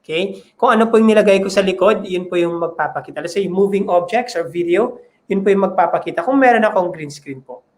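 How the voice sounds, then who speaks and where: A man with a Filipino accent giving a step-by-step software tutorial, mixing Tagalog and English. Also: high-pitched, fast talker. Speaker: software trainer.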